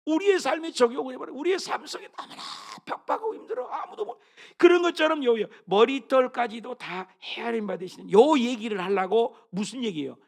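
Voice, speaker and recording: Lively, gravelly-voiced preaching man. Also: very high voice, a little fast, few pauses. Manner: animated preaching, swings from loud calls to hushed murmurs; keeps asking the congregation questions. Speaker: pastor. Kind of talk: sermon.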